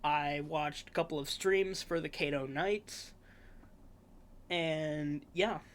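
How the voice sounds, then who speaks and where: A man hosts a casual sports preview podcast, rambling in a relaxed way with fillers and self-corrections. He speaks slowly in a voice on the high side.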